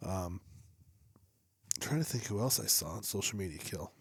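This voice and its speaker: A young man with a lowish voice chats about his hunting weekend in a rambling, loose way, wandering into asides as he goes. He is recorded close on a headset mic in a small shop studio. The sound is completely dry. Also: normal speed, gravelly, slightly rough, dry recording. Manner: rambling and animated, trailing off into asides. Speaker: podcast co-host. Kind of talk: casual chat. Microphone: headset or boom mic.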